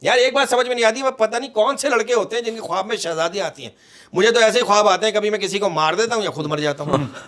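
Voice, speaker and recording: A man's voice: high voice, quick pace, fairly bright tone. A man on a casual comedy podcast who jokes, trades moral sayings and praises the others with "wah wah".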